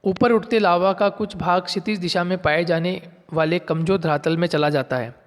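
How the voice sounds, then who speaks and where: High-voiced man teaching geography. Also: normal speed, big-room sound. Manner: explains step by step, repeats terms and quizzes viewers. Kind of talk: classroom lecture.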